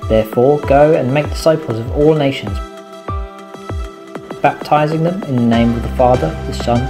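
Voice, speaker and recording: A reader voicing Jesus as a calm, authoritative male teacher in a scripted Bible reading, with a measured, solemn delivery. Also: medium pitch, close to an everyday voice. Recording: music playing behind.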